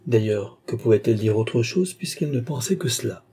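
A male audiobook narrator reading a classic novel. His voice is mellow with a husky grain, and his delivery is measured and dramatic. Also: medium pitch, animated. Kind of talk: scripted narration.

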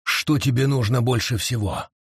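Brief: man reading an urgent forest beast spirit from a storybook, husky and barking orders. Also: medium pitch, moderate pace, no room sound, clean studio sound. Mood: coaxing. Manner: urgent, insistent, bellowing orders. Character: wild male forest beast spirit, commanding.

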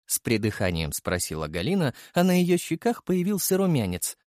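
A man reads a first-person audiobook with lively, swinging intonation. His delivery is expressive and vivid. The recording is dry and close, with no room sound. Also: medium pitch, moderate pace, no echo. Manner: expressive storytelling. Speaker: audiobook narrator.

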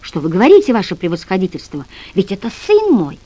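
A woman's voice: mid-range voice, huge pitch swings, quick pace, warm tone, breathy edge. A woman voicing a bewildered retired officer father, flustered and pleading.

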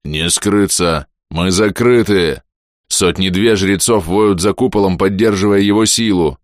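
A man voicing a huge, proud skeleton god of death who commands slowly and loudly. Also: sits low, no room sound, studio quality. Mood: commanding. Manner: slow, loud, commanding.

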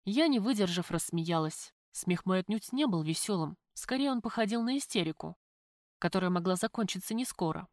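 A woman narrating a first-person audiobook in an even, plain storytelling manner. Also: mid-range voice, brisk, no room sound, studio quality.

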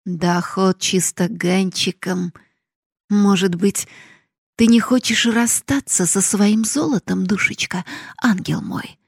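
A woman voicing a miserly old male cooper who coaxes his daughter in whispers and then bellows at her about his gold, read as an audiobook with a slow, husky, gravelly voice. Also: sits high, fairly even intonation, no room sound, studio quality, exaggerated voice. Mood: wheedling. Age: older. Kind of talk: audiobook reading.

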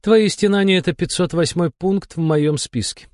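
A man voicing a weary, sarcastic female demon supervisor with a husky, irritated voice. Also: sits high, normal speed, darkish tone, no echo, studio quality, pitched above the performer's own voice, natural voice. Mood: irritated mocking. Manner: irritated, mocking, drawling. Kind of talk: audiobook character voice.

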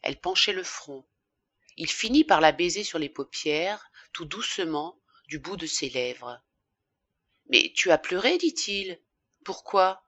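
A woman narrating a classic novel in a measured, expressive audiobook reading. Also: on the low side, no echo. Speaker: audiobook reader.

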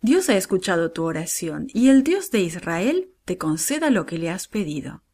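A woman voicing an old male priest who speaks slowly and gently. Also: fairly low pitch, sing-song, husky, heavily acted. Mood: kindly.

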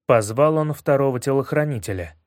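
Measured male audiobook narrator, dry sound. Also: medium pitch, expressive, no room sound. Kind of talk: first-person storybook narration.

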